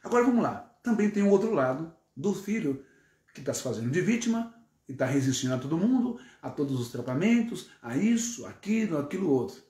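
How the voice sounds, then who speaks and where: Emphatic Brazilian preacher in echoey room. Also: male voice, on the high side, very animated, a little fast, mellow. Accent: Brazilian Portuguese. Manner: emphatic, builds long repetitive lists. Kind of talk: sermon.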